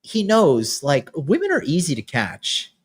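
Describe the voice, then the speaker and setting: A man's voice: fairly high pitch, wildly swooping pitch, measured pace, husky. A man in his late thirties hosting a podcast, talking in a brash, crude, boastful way. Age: 30s. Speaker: podcast host. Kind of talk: casual podcast chat.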